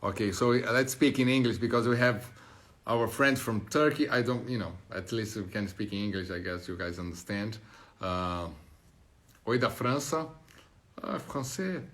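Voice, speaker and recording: A man's voice: lowish voice, unhurried, fairly bright tone. A Brazilian man with a Portuguese accent, chatting casually on a live stream, reading out viewer comments and joking between languages. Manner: switches between Spanish, English and French, laughing and joking.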